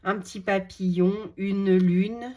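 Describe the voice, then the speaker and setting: A woman's voice: medium pitch, steady tone, slow, warm tone. A woman with a French accent, chatting casually as she unboxes and shows craft supplies, gushing and full of fillers. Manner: gushing, repeats words, many fillers. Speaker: crafting vlogger showing a haul.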